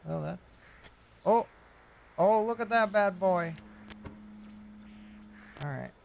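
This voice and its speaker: A man's voice: high-pitched, animated, takes it slowly, a little mellow. A man giving casual, playful live game commentary, sprinkled with goofy nonsense words. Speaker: game streamer. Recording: clearly noisy background.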